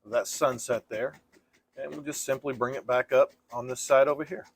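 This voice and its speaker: A man teaching painting step by step in a casual, gentle and reassuring way, like an easygoing instructor. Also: medium pitch, steady tone, moderate pace, vocal fry, breathy edge.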